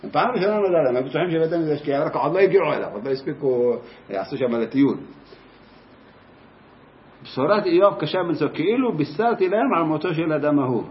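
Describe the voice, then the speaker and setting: A man, a teacher, telling a personal story in a lively first-person way, briefly acting out the voices of the people in it. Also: on the high side. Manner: lively, acts out voices in his anecdote. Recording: roomy, dull lo-fi sound.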